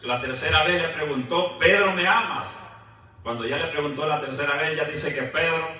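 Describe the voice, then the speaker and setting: A man preaching a sermon, often adding "right?" and praise asides, with halting repeated words. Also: on the high side, steady tone, pushed and bright. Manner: frequent "¿verdad?" and "gloria a Jesús" asides. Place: church hall. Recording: echoey church, mic at a distance.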